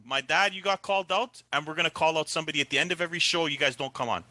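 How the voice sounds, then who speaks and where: Bright, brash podcast host man. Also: on the high side, very fast, no echo. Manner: animated, teasing trash talk. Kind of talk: casual sports picks chat.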